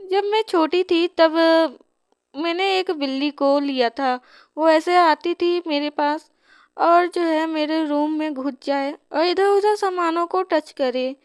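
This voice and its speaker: A woman's voice: very high-pitched, takes it slowly, no echo. A woman voicing a young noble heroine from a romance comic, talking in a chatty, amused way that repeats itself.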